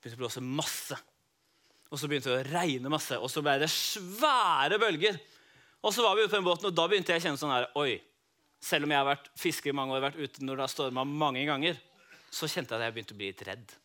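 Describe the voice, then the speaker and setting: A man with a high voice and a bright, forceful tone tells a children's Bible story in the first person. He speaks as one of the disciples and turns to his young listeners now and then. His telling stays lively and dramatic.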